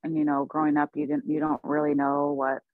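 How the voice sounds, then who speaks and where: Soft-spoken woman in her forties, lo-fi audio. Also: sits low, flat delivery, fairly quick, dry recording. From United States (Oklahoma). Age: 40s. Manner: soft-spoken, laughs often, thoughtful with many ums. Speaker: podcast guest. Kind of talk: casual interview.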